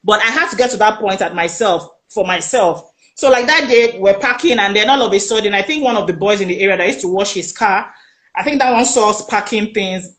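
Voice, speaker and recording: A woman with a Nigerian accent, a guest telling her personal story in an interview, animated and emphatic, acting out the voices of the people she quotes. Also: medium pitch, fairly quick, echoey room. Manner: animated, emphatic retelling that acts out quoted speech.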